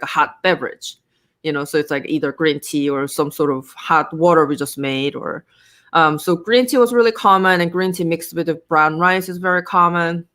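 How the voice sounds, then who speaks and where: A woman in her thirties with a Korean accent tells stories in a relaxed, meandering way, pausing often to think. Her voice sits a little low, and she talks about her life at an easy pace. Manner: frequent fillers and restarts, relaxed storytelling. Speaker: guest. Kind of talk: casual interview chat.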